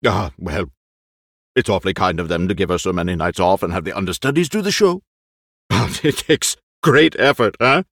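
Here is a fussy, vain old stage actor, voiced by a man in a one-man radio play, frantic about his props and his cue. His voice sits low but leaps into shrill, theatrical bursts. It is recorded close and dry, with no room sound. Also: expressive, moderate pace, a bit bright, no echo, full character voice. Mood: rambling. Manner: frantic, theatrical, high-pitched outbursts.

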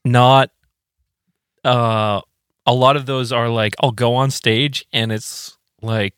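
A man chatting casually on a podcast, laughing often and telling stories with animated jumps up in pitch. His normal speaking voice is middle-pitched. The recording is close and dry. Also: slow, clear, resonant tone, no room sound. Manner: laughing, animated storytelling with jumps to high pitch when quoting. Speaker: podcast co-host; band musician. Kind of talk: casual chat.

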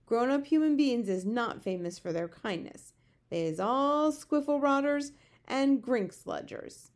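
A woman voicing a gentle, gloomy male giant from a children's storybook, speaking in muddled homespun grammar with invented words. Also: high-pitched, animated, unhurried, pitched above the performer's own voice. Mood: stubborn. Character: big friendly giant, male, gentle, gloomy, word-mangling. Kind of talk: children's storybook character reading.

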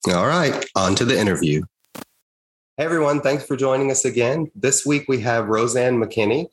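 A man's voice: medium pitch, animated, normal speed. A man hosting an interview podcast, giving upbeat introductions and questions. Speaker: podcast host.

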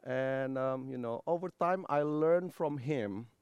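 Smooth-voiced man telling his story. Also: medium pitch, measured pace, a little mellow, no room sound, dull audio. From Indonesia. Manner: hesitant, with fillers. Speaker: guest. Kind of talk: interview testimony.

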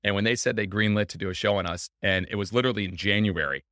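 Energetic male guest, fast and forceful, upbeat storyteller. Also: on the low side, no room sound, clean studio sound. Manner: enthusiastic, emphatic storyteller. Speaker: guest, baseball team owner. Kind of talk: energetic interview talk.

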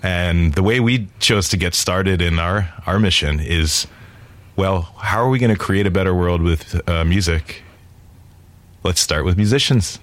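In an interview, a man who founded a music nonprofit explains his mission in a low, fairly bright voice at a measured pace. His answers run long and earnest, sprinkled with fillers.

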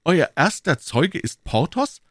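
A man's voice: medium pitch, sing-song, normal speed, no room sound, studio quality, pitched above the performer's own voice. A man reading aloud, voicing a polite, brave young male swordsman in a raised voice. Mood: astonished. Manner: polite, formal.

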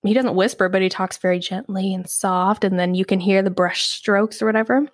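A woman's voice: mid-range voice, steady tone, fairly quick, no room sound. Chatty woman podcast co-host, dry sound. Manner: chatty, reads research notes aloud. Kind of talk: casual chat.

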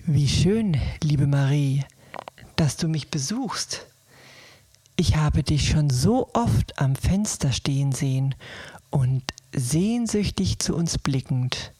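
Kind old Moon for a bedtime story, put on by a woman: soft, half-whispered, slow and tender. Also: deep voice, expressive, breathy edge, heavily acted. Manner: tender, slow, warm-hearted. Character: kind, loving old Moon with a friendly face.

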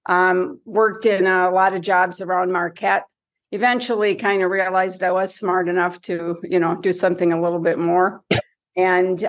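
A woman with a lowish voice and plenty of vocal fry, speaking as an interview guest. She reflects candidly and plainly, in a conversational, self-effacing way. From Michigan's Upper Peninsula, United States. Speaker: interview guest, retired or career diplomat.

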